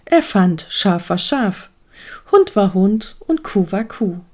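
A woman narrating a children's story aloud with expressive, lively delivery. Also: medium pitch, slow pace.

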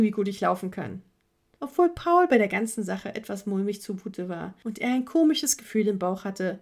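A woman reading a children's story aloud with expressive, dramatic storytelling. Her pitch sits mid-range but moves in very lively swings. A gravelly fry runs through her voice.

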